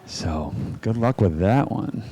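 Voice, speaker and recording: A man's voice: lowish voice, animated, slow, dark tone, slight background noise. A man hosting a live stream, chatting casually and rambling with fillers. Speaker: host and venue owner.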